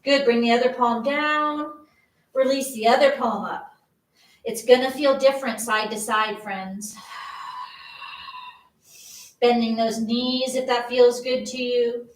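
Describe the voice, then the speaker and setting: A middle-aged yoga instructor leads a live movement class, encouraging and chatty as she coaches each pose, a little out of breath. Her voice is on the high side, with fairly even intonation, and she goes slowly with frequent pauses. She is off-mic and distant in an echoey room.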